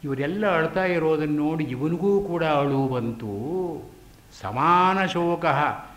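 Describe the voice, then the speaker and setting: A man lecturing on an old epic, chanting Sanskrit verses and then explaining them in a slow, deliberate way. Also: fairly high pitch, a bit bright, reverberant.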